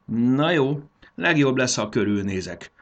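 A man's voice: mid-range voice, wildly swooping pitch, husky, dull audio, pitched above the performer's own voice, exaggerated voice. A man reading a storybook aloud and voicing a feisty little fairy girl who is pert and sulky.

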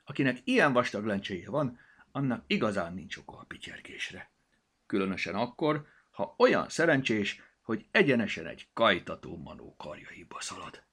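A man doing a brisk, cheerful gnome. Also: on the low side, very animated, fairly bright tone, slightly rough, exaggerated voice. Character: lively, busy male gnome finder.

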